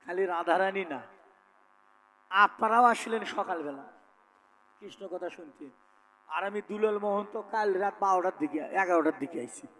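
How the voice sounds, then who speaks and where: A man preaching a devotional story in a sing-song way, pausing to question his listeners directly. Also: high-pitched, pushed and bright, rough recording. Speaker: devotional folk singer and preacher.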